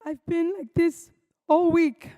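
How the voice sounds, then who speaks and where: A woman school principal with a hoarse, strained voice gives an earnest, heartfelt welcoming address to students and families at a ceremony. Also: extremely high pitch, steady tone, takes it slowly, dark tone. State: hoarse, losing her voice. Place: school event venue, indoors.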